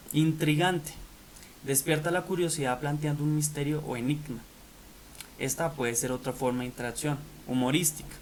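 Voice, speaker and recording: A man's voice: medium pitch, a little hiss or hum, rough recording. A man giving a recorded online lesson, talking in a hesitant way with many fillers and restarts. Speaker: teacher.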